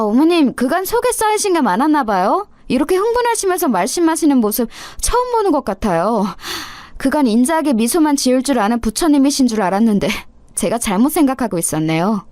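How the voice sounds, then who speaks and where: A woman's voice: fairly high pitch, a little mellow, no echo. A woman voicing an insolent young daughter-in-law who talks with sarcastic, overly polite mockery. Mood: mocking.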